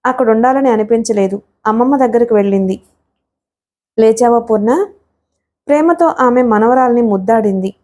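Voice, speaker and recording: A woman's voice: on the high side, quick pace, a little mellow. A woman reading a novel aloud as an audiobook narrator, telling the story steadily and speaking the characters' lines in her own voice.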